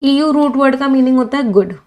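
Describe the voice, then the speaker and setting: A woman's voice: high voice, fairly quick, darkish tone. A woman teaching English vocabulary for exams in a live online class, switching between Hindi and English and asking questions she answers herself. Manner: reads chat comments from live viewers. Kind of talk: live online exam-prep vocabulary lesson.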